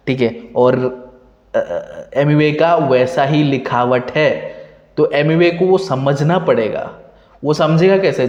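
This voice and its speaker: A man's voice: fairly high pitch, a little mellow. A young man hosting a hip hop reaction channel, giving opinionated commentary and stressing his points by asking "right?" again and again. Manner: emphatic, repeats "ठीक है?" to drive points. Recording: echoey room, long reverb, dull lo-fi sound.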